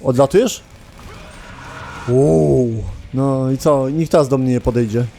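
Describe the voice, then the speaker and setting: A man's voice: mid-range voice, a little slow, creaky, mellow, a little hiss or hum. A man hosting a gaming channel, giving casual gameplay commentary, chatting to his viewers and swearing often.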